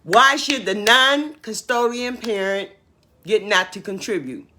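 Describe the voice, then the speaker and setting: A woman's voice: mid-range voice, expressive, a little slow, bright, forceful tone. A woman hosting a casual opinion livestream, reading viewer comments aloud and answering them emphatically, often repeating her points and asking questions.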